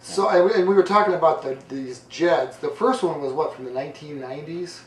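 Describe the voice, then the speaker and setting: A man's voice: on the high side, brisk, slight background noise. A man hosting a casual radio interview, chatty with wry asides. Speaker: radio host. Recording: echoey room, heard from far off.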